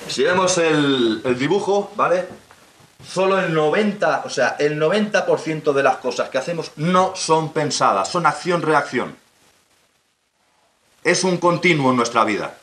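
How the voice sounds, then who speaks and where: A man's voice: a little high, lively intonation, a little slow, a bit bright. A man giving a talk to young listeners, telling a survival story and asking rhetorical questions. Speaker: guest speaker. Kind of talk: motivational talk to young audience. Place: local hall with audience. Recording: roomy hall, faint background hiss.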